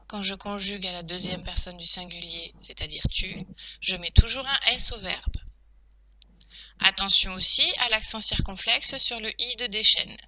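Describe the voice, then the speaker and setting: A woman teacher, reading a dictation slowly and clearly for young pupils. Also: medium pitch, bright, forceful tone, low-quality recording. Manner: slow, clear, deliberate dictation. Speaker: primary school teacher. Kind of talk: dictation lesson.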